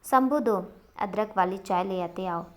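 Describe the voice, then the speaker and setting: A woman voicing a gentle, worried middle-aged mother in a storybook reading. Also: medium pitch, measured pace, close to an everyday voice. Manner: gentle, fretting.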